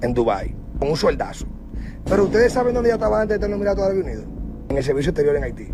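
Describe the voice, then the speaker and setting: A man's voice: a little high, sing-song, rapid-fire. A man commenting in a video clip, asking his viewers teasing rhetorical questions. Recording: voice over loud music in video.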